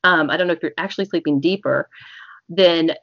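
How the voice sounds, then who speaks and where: Woman, slightly low voice, chatty explainer on a dull lo-fi recording. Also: brisk, fairly bright tone. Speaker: hypnotist interview guest. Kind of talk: conversational explanation with demonstrated hypnosis suggestions. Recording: echoey, muffled lo-fi call audio.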